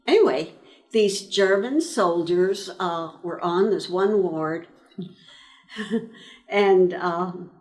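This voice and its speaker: Slow-speaking woman in her nineties. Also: on the low side, darkish tone. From eastern Pennsylvania, USA. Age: 90s. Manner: slow, reflective storytelling with frequent pauses. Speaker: interviewee, World War II army nurse veteran. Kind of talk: reminiscing in an oral-history interview.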